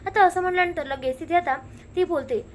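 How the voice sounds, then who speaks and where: A woman narrates a television serial's episode at a rapid clip, in a high, quick voice. She jumps straight into the characters' quoted lines without slowing down. A faint hiss of noise sits behind her. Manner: rapid, lively retelling, slipping into characters' lines. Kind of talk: fast storytelling recap with acted quotes.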